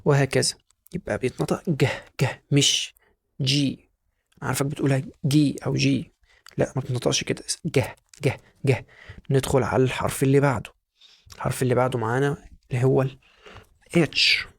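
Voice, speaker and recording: A man's voice: medium pitch, level tone, fairly quick, creaky, long pauses, slightly rough, no room sound. A man with an Egyptian Arabic accent teaching English letter sounds to beginners, repeating each sound over and over and urging the viewer to say it with him. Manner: drills sounds by repetition, coaxing the viewer. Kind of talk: beginner phonics lesson.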